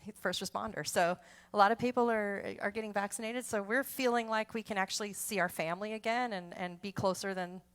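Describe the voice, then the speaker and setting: A woman's voice: medium pitch, steady tone, fairly quick, fairly bright tone, smooth. A woman, chatting in a rambling way between polka songs as the host of a music show. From Texas. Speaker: polka band musician hosting an online show. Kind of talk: casual chat between songs.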